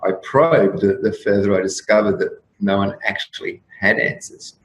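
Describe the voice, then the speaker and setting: A man in his fifties, a guest on an interview show, musing in a rambling, reflective way with frequent restarts and soft laughs. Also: lowish voice, moderate pace. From Australia. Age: 50s. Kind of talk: casual interview talk. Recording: roomy echo with faint room noise.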